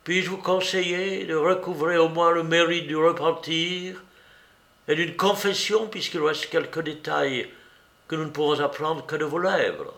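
A man voicing a sharp-minded male detective who lays out his case against a suspect in a measured, accusing way, in a storybook reading. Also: on the high side, reverberant, voice pushed up. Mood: stern.

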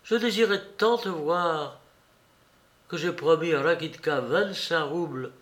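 A man's voice: a little slow, a bit bright. A man reading aloud, voicing a passionate, impulsive young woman in a storybook reading with a raised, emotional voice. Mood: heartfelt. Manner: raised pitch, emotional delivery.

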